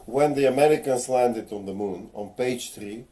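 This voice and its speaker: Sitting at home before a ring light, a slightly tipsy man from Bulgaria delivers a casual rant to the camera. His mid-range, mellow voice moves at normal speed as he lectures earnestly, stumbling over hesitant fillers.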